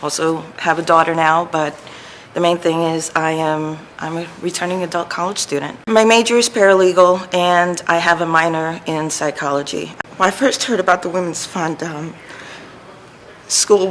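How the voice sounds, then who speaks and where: A woman's voice: sits low, slight background noise, poor audio. A woman from New City, a returning adult student speaking candidly and with emphasis. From New York City. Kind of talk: interview testimonial.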